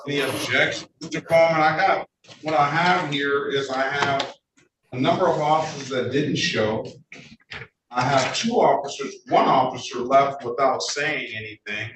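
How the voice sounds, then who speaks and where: A man presiding as a judge, speaking briskly and firmly, cutting people off to keep proceedings moving, in a courtroom recording. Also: mid-range voice. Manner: brisk and firm, cuts people off. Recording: echoey courtroom audio from a distant mic, noisy.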